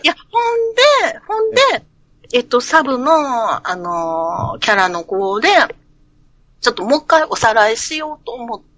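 A woman's voice: on the high side, very animated, moderate pace, fairly bright tone, dry recording, muffled recording. A woman in a casual chat about a video game, giggling often and hesitating as she recalls things.

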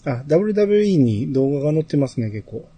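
A man's voice: on the high side, very animated, rapid-fire, dark tone, slightly rough. A man chatting casually as the host of a podcast. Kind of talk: casual chat.

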